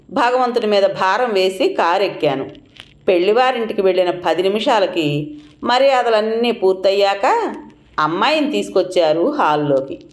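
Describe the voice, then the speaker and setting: Expressive woman telling an audio story. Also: medium pitch. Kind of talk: first-person audio story narration. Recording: roomy echoing recording.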